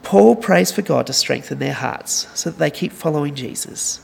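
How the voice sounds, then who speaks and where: A man's voice: a little high, animated, moderate pace, vocal fry, breathy edge. A young man preaching a sermon in an earnest, conversational way, mixing scripture with stories.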